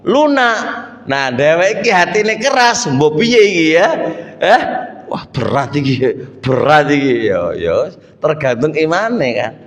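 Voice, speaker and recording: Middle-aged male preacher, East Javanese accent, lively folksy delivery, somewhat high voice, roomy reverberant mosque recording. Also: measured pace. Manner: lively, folksy, mixes Javanese asides and rhetorical questions. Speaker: religious teacher. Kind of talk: mosque study-circle sermon. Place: mosque hall. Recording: echoey mosque hall with long reverb.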